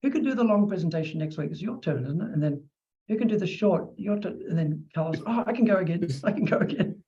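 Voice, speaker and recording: A middle-aged man hosting an interview podcast, chatty and animated, acting out little quotes as he talks. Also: high voice, fast talker. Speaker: podcast host. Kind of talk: casual interview chat. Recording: dull lo-fi sound.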